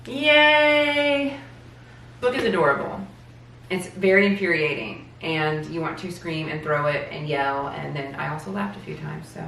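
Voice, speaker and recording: A middle-aged woman chatting casually at home, relaxed and chatty. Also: low-pitched, moderate pace, vocal fry, few pauses, far from the mic. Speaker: vlogger's mother. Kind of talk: casual chat. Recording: roomy audio, a bit off-mic, faint hum.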